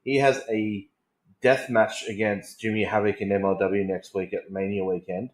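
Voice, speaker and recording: Male podcast co-host, fairly low pitch, echoing room, keen and informal fan conversation. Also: level tone, normal speed. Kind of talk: casual wrestling chat. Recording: roomy, echoing voice recording.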